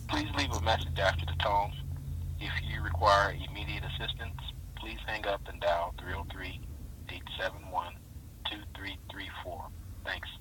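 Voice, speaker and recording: A man with a lowish voice reads a formal, even voicemail greeting. It comes through a landline phone line that sounds distant and noticeably hissy. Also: moderate pace. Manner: formal, even reading of a message. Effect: heard over a landline phone. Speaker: campus safety commander.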